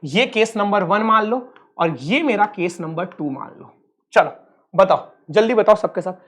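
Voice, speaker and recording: A man's voice: high-pitched, lively intonation, unhurried, fairly bright tone. A man from Uttar Pradesh, India, teaching a physics lesson online in a playful, teasing way and calling his students kids. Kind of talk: online exam-prep lecture.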